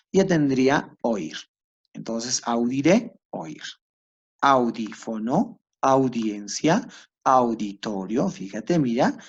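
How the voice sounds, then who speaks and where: A man teaches a class in a lively voice that rises and falls a lot. His tone is a bit raspy, and he often asks a question aloud before answering it himself. The recording sounds dull and lo-fi. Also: medium pitch. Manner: asks himself questions and answers them, addresses students directly. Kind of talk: classroom lecture.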